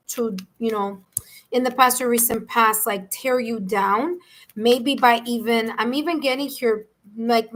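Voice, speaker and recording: A woman's voice: a little high, fairly bright tone, poor audio. A woman with a New York accent giving a live-streamed tarot reading, rambling along with frequent "okay?" check-ins and restarts. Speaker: tarot reader.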